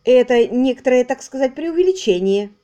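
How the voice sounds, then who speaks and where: A woman's voice: high voice, expressive, brisk, dark tone, dull audio, pitched above the performer's own voice. A woman voicing a prim, doubting woman in an audiobook. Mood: skeptical.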